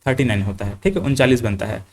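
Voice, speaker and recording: A man's voice: medium pitch, expressive, quick pace, creaky. A young man teaching an exam-prep grammar lesson, asking questions and answering them himself, repeating key points. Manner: quizzes listeners with questions he then answers himself; repeats key points and fills with "thik hai".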